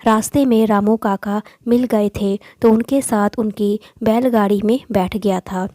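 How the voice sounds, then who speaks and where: A woman voicing a kind, protective older brother who speaks calmly and reassuringly, in a storybook reading. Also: medium pitch, a little slow, no echo, lightly acted. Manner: calm, reassuring. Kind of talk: storybook voice acting.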